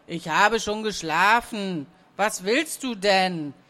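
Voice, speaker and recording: A woman's voice: unhurried, fairly bright tone, close to an everyday voice. A woman voicing a sleepy, dismissive older brother in a children's audio story. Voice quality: lower, grumbling, unimpressed.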